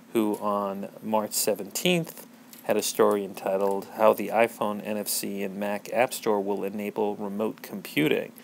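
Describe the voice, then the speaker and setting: A man's voice: on the low side, gravelly, a little hiss or hum. A man hosting a podcast, talking through tech news in a casual, rambling way with many fillers and restarts. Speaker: podcast host.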